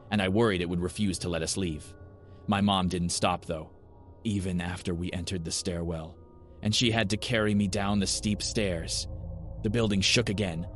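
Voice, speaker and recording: A man reading a scripted first-person horror story in a measured, somber way, and hosting the show. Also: sits low. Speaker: horror story narrator and host.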